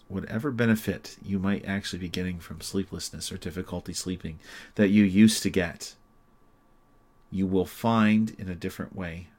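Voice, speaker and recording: A man with a very low, level voice leads a sleep hypnosis session. He talks in a slow, soothing and repetitive way. His pitch barely moves as he guides the listener deeper into calm.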